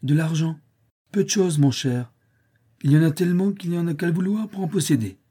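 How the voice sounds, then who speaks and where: A self-assured young gentleman, as a male reader puts him on, brisk and mocking. His voice sits a little higher and brighter than the narration and keeps a dark, husky grain. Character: cool, ironic young male gentleman rescuer.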